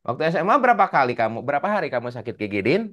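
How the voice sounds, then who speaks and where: A man voicing a male religious teacher who gently questions a student. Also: medium pitch, very animated, racing. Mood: coaxing. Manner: coaxing, questioning.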